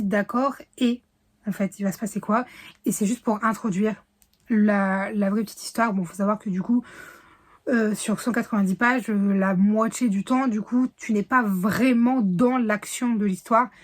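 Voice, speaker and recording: A woman chatting casually in a reading vlog, rambling with fillers and self-corrections, now and then dropping to a whisper. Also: medium pitch. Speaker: book vlogger.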